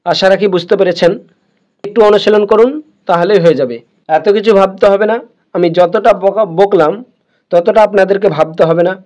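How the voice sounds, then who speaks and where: A man with a high voice teaches a beginners' reading lesson. He sounds each word out patiently and says it again and again before moving on. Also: a little mellow, dull audio. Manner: slow, repeats words over and over.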